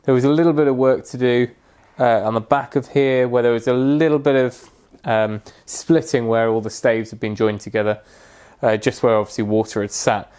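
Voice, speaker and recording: A man with a clean, mid-range voice talks through restoring a piece of woodwork in his kitchen. His narration is easygoing and practical, with frequent pauses and fillers.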